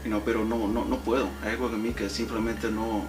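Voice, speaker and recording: A man's voice: on the low side, flat delivery, fairly quick, far from the mic. Male host, reflective casual delivery with English fillers; off-mic and noisy. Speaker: podcast host. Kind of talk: casual chat.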